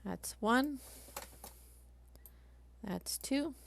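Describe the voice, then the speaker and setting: A woman live-streaming a craft software tutorial, chatty and thinking aloud as she works. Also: sits high, animated, very slow, vocal fry, slight background noise.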